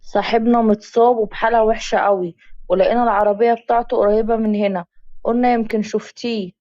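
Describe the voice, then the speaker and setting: A woman's voice: on the high side, fairly even intonation, quick pace, warm tone, dull audio, lightly acted. A woman with an Egyptian accent voicing menacing men hunting their friend, curt and guarded. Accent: Egyptian Arabic.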